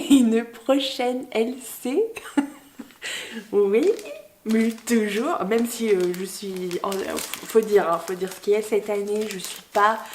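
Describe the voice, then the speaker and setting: A young woman vlogs in a relaxed, unhurried way as she opens presents, gushing over each one with lots of fillers and delighted exclamations. Her home recording carries a clear hiss of background noise behind her voice. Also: mid-range voice. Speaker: book vlogger. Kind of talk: casual vlog, unboxing gifts.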